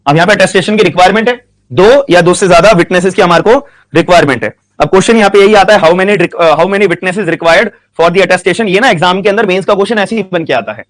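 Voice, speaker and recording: A man teaching a law class, speaking slowly and repeating questions and answers so students can write them down, with phrases. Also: high voice. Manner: slow dictation, repeats questions and answers, frequent "ठीक है" checks. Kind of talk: classroom lecture.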